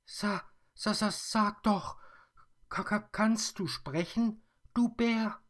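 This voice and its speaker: A man voicing a cross, moody little girl in a children's story, in a high, squealing child's voice. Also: lively intonation, takes it slowly, husky, heavily acted. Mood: stammering, startled.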